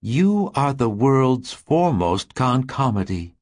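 A placid, smooth-spoken telepathic voice coming from a toy maze in an audiobook, put on by a male narrator. It sits noticeably higher than a plain speaking voice and has a slightly distant, hollow sound. It talks calmly, like a polite salesman. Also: slow pace.

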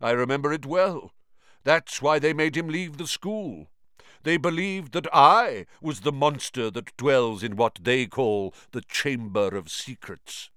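A man voicing an ancient giant male spider, croaking and grave, speaking slowly and solemnly. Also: mid-range voice, lively intonation, fairly bright tone, no echo, clean studio sound, pitched above the performer's own voice. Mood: fretful. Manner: slow, solemn, clicking menace.

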